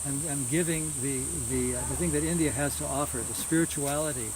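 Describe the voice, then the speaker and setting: A higher-voiced man gives an informal religious lecture at a housewarming, recalling the past haltingly and repeating words as he goes. A small audience listens, and the outdoor-like recording is noisy with loud hiss and crickets.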